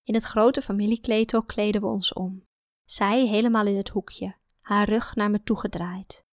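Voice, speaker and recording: A woman's voice: medium pitch, fairly even intonation, normal speed, dry recording. Woman reading a first person story, kinda introspective, dry booth sound. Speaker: audiobook narrator. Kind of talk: first-person scripted narration.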